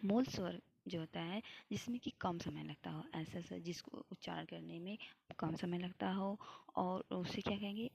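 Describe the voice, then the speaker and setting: A woman's voice: on the low side, normal speed, gravelly, darkish tone, slight background noise. A young woman teaching Hindi grammar for an exam, explaining step by step and answering her own questions. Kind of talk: classroom lecture.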